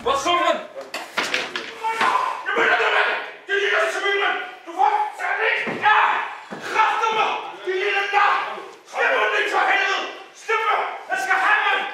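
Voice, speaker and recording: An actor playing a furious young man who curses and shouts while being held back in a fight. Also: extremely high pitch, far from the mic, some chatter behind. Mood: enraged shouting. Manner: shouting, cursing, struggling. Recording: echoey room with some noise.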